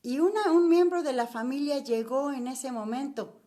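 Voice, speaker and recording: A woman's voice: high voice, normal speed, dark tone. An older woman with a Mexican accent, teaching a Bible study lesson in a chatty way, putting rhetorical questions to her listeners.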